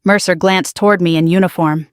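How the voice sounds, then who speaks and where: A woman narrating a first-person story in a measured, quietly dramatic manner. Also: lowish voice, fairly even intonation, clear, resonant tone, dry recording, studio quality.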